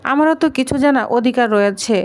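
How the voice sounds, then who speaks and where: A woman's voice: sits high, fast talker, natural voice. A woman reading the lines of a pushy, prying young wife in a plainly read serial recap. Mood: insistent.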